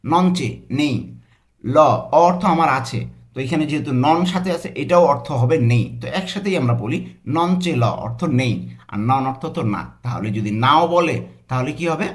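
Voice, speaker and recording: A man with a Bangladeshi accent teaching a language lesson, saying example phrases slowly and breaking them into parts. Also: a little high, expressive. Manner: slow, drawn-out pronunciation of example phrases.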